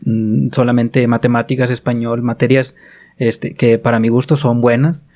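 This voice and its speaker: A man's voice: medium pitch, flat delivery, moderate pace, a little mellow. A man hosting a podcast, talking in a casual, hesitant way with frequent fillers. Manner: hesitant, many fillers and restarts, agreeable. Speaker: podcast host. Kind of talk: casual conversation.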